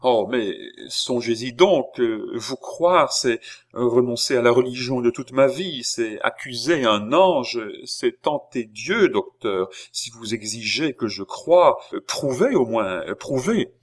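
A man's voice: mid-range voice, lively intonation, slow, pitched above the performer's own voice. A man reading an audiobook, voicing a desperate young nobleman who pleads in impassioned bursts. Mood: pleading. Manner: impassioned, sobbing pleas.

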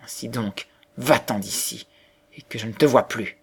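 Brief: man playing a haughty, cruel storybook boy, harsh and loud with a gravelly grain. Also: medium pitch, moderate pace. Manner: harsh, contemptuous, raised voice. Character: proud cruel boy, vain and scornful.

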